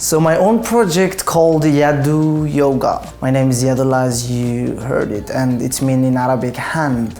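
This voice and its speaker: A young man from Afghanistan, speaking earnest, reflective, halting second-language English as a yoga teacher in a documentary interview. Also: mid-range voice, a little mellow, soft background music. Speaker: yoga teacher and project founder.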